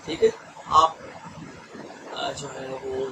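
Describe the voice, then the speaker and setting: A man's voice: mid-range voice, level tone. A man giving an online training lecture in a chatty way, often checking in with his listeners and mixing in English phrases. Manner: chatty, mixes English phrases, frequent "theek hai ji" checks. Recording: distant mic with noisy room ambience.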